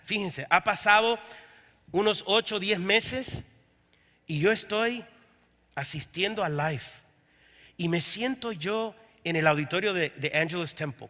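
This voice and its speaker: The pastor's voice sits high and sounds sharp as he delivers a sermon in a church service, narrating his story through quoted dialogue. The church room adds long hall reverb.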